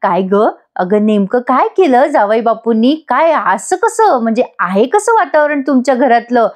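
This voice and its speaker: A woman's voice: fairly high pitch, sing-song, moderate pace, a little mellow. A woman voicing a fussing mother who dotes on her son-in-law and scolds her daughter. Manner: scolding, nagging, rustic turns of phrase.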